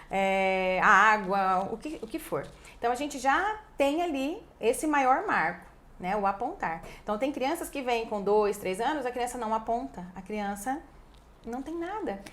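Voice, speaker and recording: A woman with a Brazilian Portuguese accent, a speech therapist guest, explaining in a lively, chatty way and often tagging her sentences with a quick question. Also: on the high side. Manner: lively, acts out parents' voices, frequent "né". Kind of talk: casual explanatory conversation.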